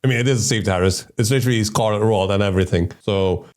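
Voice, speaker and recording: Low-voiced, hesitant male streamer reacting casually. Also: darkish tone. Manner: hesitant, halting, repeats words. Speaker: VTuber streamer reacting to a video.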